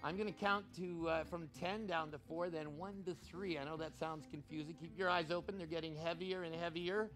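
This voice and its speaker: A male stage hypnotist with a high-pitched, bright voice speaks in live show patter. He gives instructions and counts in a deliberate, commanding way, repeating his suggestions, with faint music behind him. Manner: shouts excited commands to start the action.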